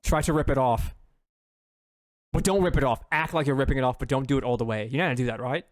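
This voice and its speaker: A man's voice: mid-range voice, fast talker. A man playing a tabletop game, bantering and pushing others in a wry, casual way. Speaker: player.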